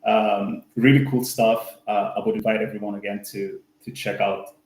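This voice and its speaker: A man's voice: lowish voice, little pitch movement, normal speed, darkish tone, echoey room, low-quality recording. A man hosting an online user group meetup, talking casually with many fillers and restarts. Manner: friendly, full of fillers and restarts.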